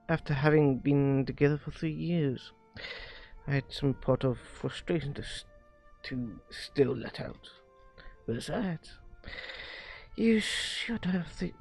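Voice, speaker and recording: On a stream, a man reads visual novel dialogue aloud slowly and haltingly, stumbling and rereading lines as faint music plays. His voice is gravelly and heavy with fry, a little high, with a darkish tone.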